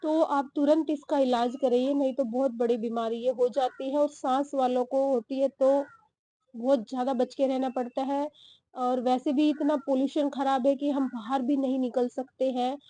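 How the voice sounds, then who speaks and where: A young woman vlogging from her garden, short of breath and talking slowly with pauses. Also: high voice, steady tone, warm tone, no room sound. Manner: slow, breathy-paced talk with pauses. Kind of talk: casual vlog talk to camera. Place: home garden outdoors.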